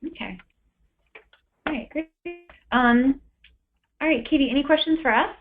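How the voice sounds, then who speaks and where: A woman presenter leading a training webinar, coaching in a relaxed way with plenty of fillers, then posing questions like a reporter. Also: high voice, a little slow, a little hiss or hum. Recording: tinny phone line.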